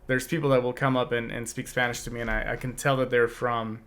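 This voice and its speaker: Talking quickly in a medium-pitched, fairly bright and clean voice with flat delivery, a young adult man co-hosts a podcast. The chat is casual and reflective, full of restarts.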